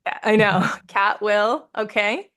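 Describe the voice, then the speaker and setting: A woman's voice: medium pitch, slow pace, fairly bright tone. A woman leading a live coaching session, upbeat and encouraging, laughing often as she talks with participants over a video call. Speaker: business coach.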